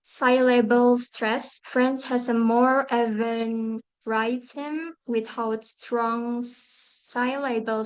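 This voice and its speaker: A woman's voice: a little high, clear, resonant tone, rough recording. A woman student presenting a class talk, reading carefully from notes and restarting words.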